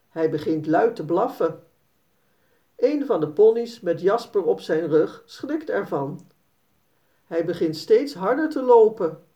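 A woman reading a children's story aloud in a calm, gentle storytelling manner. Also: mid-range voice. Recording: dull, slightly distant recording.

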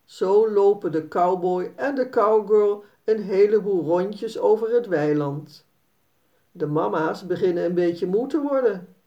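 A woman reads a children's story aloud, slow and unhurried, in a mellow, soft-toned voice. The sound is dull and lo-fi, with her a little back from the mic. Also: mid-range voice. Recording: dull, slightly distant recording.

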